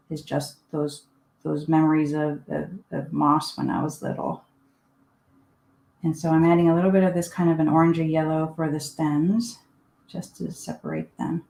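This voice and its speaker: With a roomy echo hanging around her voice, a woman from Finland works through a live painting demonstration at her home desk for an online class. This art teacher's voice sits fairly low, and she chats easily, thinking aloud as she paints.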